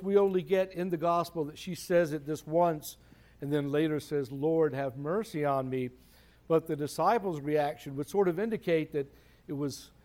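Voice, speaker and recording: A man's voice: fairly high pitch, warm tone. A man preaching a conversational sermon, asking rhetorical questions and repeating phrases for emphasis.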